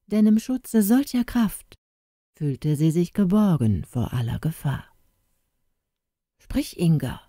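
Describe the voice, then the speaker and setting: Slow, dark-voiced woman narrating a fairy tale. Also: fairly low pitch, sing-song, dry recording, studio quality. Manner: slow, measured storytelling. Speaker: audiobook narrator.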